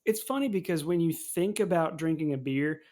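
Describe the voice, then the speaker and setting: A man's voice: a little high, fairly quick, darkish tone. A man in his twenties, a podcast co-host, telling stories animatedly and laughing often in casual chat.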